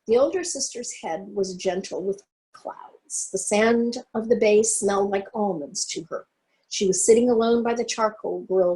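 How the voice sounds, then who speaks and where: A woman reading a literary story aloud in a steady, even manner. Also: mid-range voice, low-quality recording. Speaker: reader.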